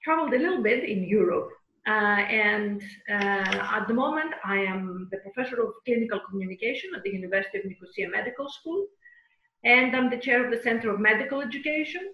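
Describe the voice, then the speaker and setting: A middle-aged woman from Greece, a professor being interviewed on a podcast, speaking with many pauses and fillers. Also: mid-range voice, animated, reverberant, muffled recording. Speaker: guest professor.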